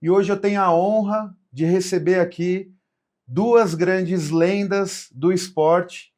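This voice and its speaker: A Brazilian man hosting a podcast gives a grand entrance announcement for guests, with a ceremonious, emphatic build-up and drawn-out phrases. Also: sits high, fairly even intonation, a little mellow. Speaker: podcast host.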